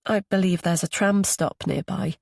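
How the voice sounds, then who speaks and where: A woman reading the part of a young mother, polite but guarded, quick to soften what she says. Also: lowish voice, steady tone, creaky, dry recording, studio quality.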